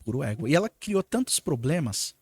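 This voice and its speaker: A man with a Brazilian Portuguese accent, a lawyer telling a story on a podcast in a lively way and acting out the lines of the people in it. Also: mid-range voice, fairly quick, slightly rough, dry recording. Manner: animated, acts out quoted dialogue. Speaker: lawyer guest.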